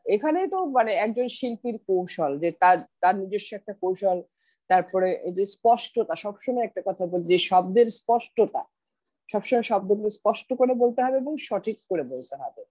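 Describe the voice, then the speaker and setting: A woman's voice: mid-range voice, expressive, dark tone, no echo. Dry-sounding woman teaching pronunciation. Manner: patient, repeats words slowly for students. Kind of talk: online class, explaining pronunciation. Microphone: video call.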